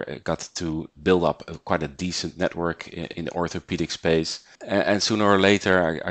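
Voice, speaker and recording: A middle-aged man from the Netherlands speaks in a very deep voice as a podcast guest. He talks in a measured way, often repeating himself and reaching for fillers. The recording is dry and close, with no room sound. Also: no room sound. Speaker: guest, investment banker. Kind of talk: podcast interview, conversational.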